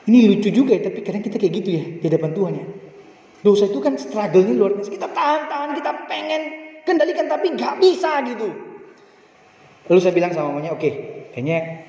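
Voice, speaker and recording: A man preaching a sermon as pastor, animated and addressing the congregation directly. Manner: animated, rises high when stressing a point; speaks to the congregation directly, often saying "brothers and sisters". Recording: roomy church hall, distant mic, dull sound.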